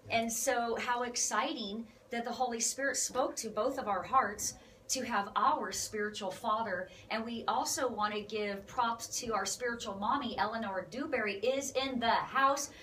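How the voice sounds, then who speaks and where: Woman, ministry host, excited, preachy, higher voice, a bit off-mic. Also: normal speed, recorded from a distance, a little hiss or hum, rough recording.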